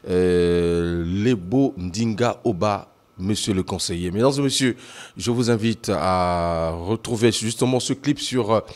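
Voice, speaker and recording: A man's voice: low voice, a little slow. A man hosting a TV interview, formal and full of hesitant fillers, often addressing the audience. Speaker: TV host. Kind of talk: studio interview.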